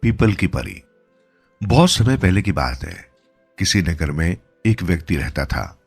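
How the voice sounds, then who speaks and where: A man narrating a moral story for listeners in a calm, even, scripted storytelling style. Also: sits low, measured pace, vocal fry, breathy edge. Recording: soft music bed behind the voice.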